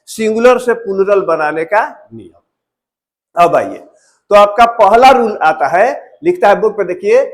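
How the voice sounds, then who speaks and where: Guy with a high voice and teaching grammar, keeps asking "what do we do?" and answering. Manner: repetitive, asks questions and answers them himself. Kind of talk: classroom-style grammar lesson.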